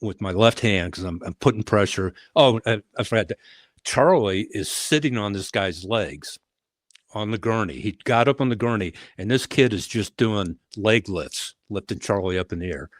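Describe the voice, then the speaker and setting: A man's voice: fairly low pitch, moderate pace, no echo, clean studio sound. An older man, a retired police leader, tells a story from his patrol years in a podcast interview, with many uh fillers and restarts. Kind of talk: conversational storytelling.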